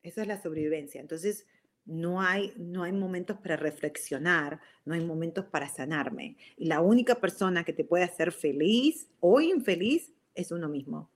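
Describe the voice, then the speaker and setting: A woman's voice: on the low side, animated, moderate pace. A woman with a Rioplatense Spanish accent giving a casual motivational talk. She restarts her sentences, drops English words in and checks in with her listeners with a frequent "ok?". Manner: addresses listeners directly with frequent "ok?". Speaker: self-help speaker.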